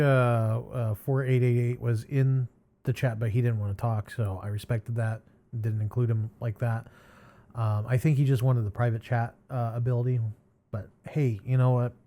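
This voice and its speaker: A man of middle pitch talks through viewer comments as a host. His speech is loose and rambling, full of ums, sighs and small chuckles. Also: mellow. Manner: rambling and hesitant, with many fillers and sighs.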